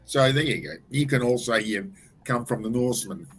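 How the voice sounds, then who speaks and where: A man's voice: mid-range voice, expressive, normal speed, slight background noise, rough recording. New man, dry teasing tone. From New Zealand. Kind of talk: casual group chat.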